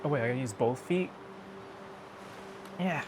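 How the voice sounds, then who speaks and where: A man giving casual, excitable, slangy commentary while playing a video game. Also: mid-range voice, moderate pace, noisy background. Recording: music behind the voice. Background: game music.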